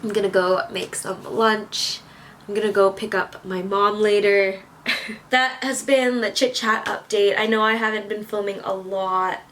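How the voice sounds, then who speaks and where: A woman's voice: mid-range voice, fairly even intonation, unhurried, fairly bright tone, a little hiss or hum. A woman of twenty-one, holding back tears as she rambles to her camera in a casual vlog. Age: 20s. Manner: tearful, rambling and self-reassuring. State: teary, on the verge of crying. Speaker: vlogger.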